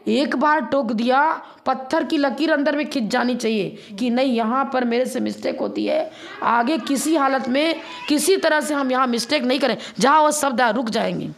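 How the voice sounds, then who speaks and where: High gravelly-voiced woman teaching scripture. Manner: explains step by step, acts out chanting slowly. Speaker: Jain nun teacher. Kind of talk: religious discourse.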